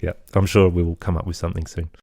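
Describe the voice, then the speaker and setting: A middle-aged podcaster and musician, interviewed as a guest, gives thoughtful, earnest answers in a conversational way. His deep, gravelly, dark voice moves fast with little pitch variation, in studio quality with no room sound.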